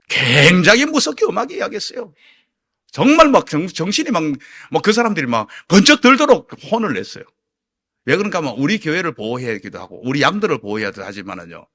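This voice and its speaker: A middle-aged male pastor preaching an evening church sermon, telling a personal story in an animated way and acting out his own shouting and the lines of others. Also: a little high.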